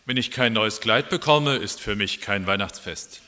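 Fabel-Pfau, selbstverliebt, ein Mann spricht ihn. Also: male voice, fairly low pitch, normal speed, bright, forceful tone. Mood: eitel. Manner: vain. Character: vain peacock wanting a new dress.

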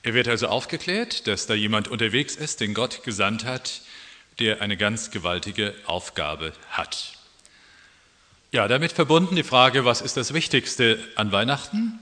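Predigt: Mann, sachlich erzählend, im hallenden Raum. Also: male voice, on the low side, lively intonation, measured pace, pushed and bright, long reverb tail. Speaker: preacher. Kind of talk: sermon.

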